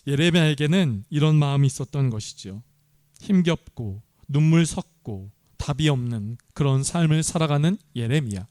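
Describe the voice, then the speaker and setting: A man delivers a sermon, turning often to the congregation with questions. His voice is clear and resonant and pitched somewhat high, and the sound is close and dry with no room echo. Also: expressive, moderate pace, darkish tone. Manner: earnest, asks the congregation questions. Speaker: pastor.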